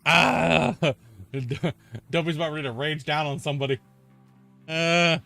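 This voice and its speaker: A man with a slightly high, gravelly, sharp-toned voice and fairly even intonation gives casual commentary while streaming a mining game. His pace is measured, yet his talk is loose and rambling, laid-back and heavy on "like" and "dude," and he's itchy from a sunburn; soft music plays in the background.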